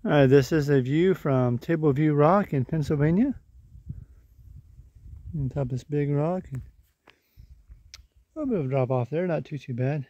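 This forties-aged thru-hiker vlogger talks easily from a wooded mountain trail, phone held at arm's length. His voice is on the high side, expressive and dark in tone, at normal speed with frequent pauses. The audio is dull, without echo.

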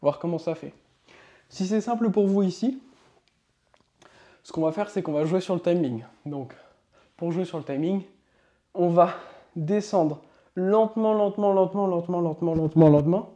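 A man's voice: high-pitched, dark tone. Upbeat man coaching yoga. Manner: upbeat, coaching, counts slowly while demonstrating. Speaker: yoga instructor. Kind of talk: instructional demonstration.

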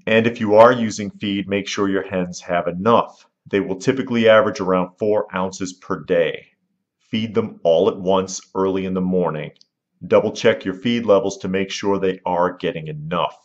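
Deep voiced guy reading a how-to script, steady and instructive, kinda muffled lo-fi sound. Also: moderate pace. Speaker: channel host giving homesteading tips. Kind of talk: scripted voice-over narration.

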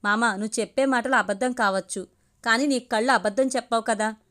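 A woman's voice: a little high, a little fast, a bit bright, close to an everyday voice. A woman voicing a joking young male college friend who teases in a chummy, bantering way. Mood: teasing.

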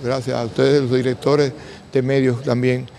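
An older Dominican man speaks with restrained, quiet grief to a handheld mic. His voice is gravelly and mid-pitched, and his delivery halts as he gathers words. A light layer of outdoor ambient noise sits behind him. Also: level tone, normal speed. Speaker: bereaved father giving a press statement. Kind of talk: on-camera interview. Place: covered entrance outside a building. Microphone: handheld interview microphone.

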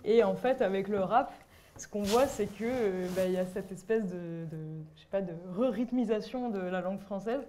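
A young woman moderating an academic seminar, explaining linguistics with many pauses and fillers. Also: medium pitch, warm tone, a little hiss or hum. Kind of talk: academic discussion.

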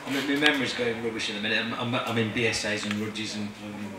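A middle-aged man with a fairly low, steady voice gives an informal spoken introduction of a reader to a seated audience in a large marquee tent. He is hesitant and halting. His handheld mic plays through speakers and he's filmed from afar, so the sound is distant and echoey over the PA, with crowd noise.

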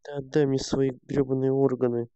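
A man's voice: medium pitch, level tone, a little fast, mellow, clean tone, dry recording. A young man streaming a game, grumbling and swearing to himself in casual commentary. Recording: dull lo-fi sound.

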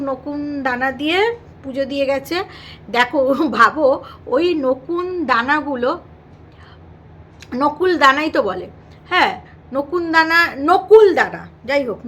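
A woman's voice: sits high, a bit bright. A Bengali woman vlogger chatting casually and teasingly about another creator's videos, full of fillers and playful asides. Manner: gossipy and teasing, many fillers, slips into mock Hindi.

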